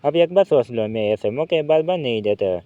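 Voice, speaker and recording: A man's voice: medium pitch, animated, moderate pace, dark tone, no echo, close to an everyday voice. A man voicing a hot-tempered young boy superhero who bosses his friends around, in a dull, dry home recording. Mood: bossy.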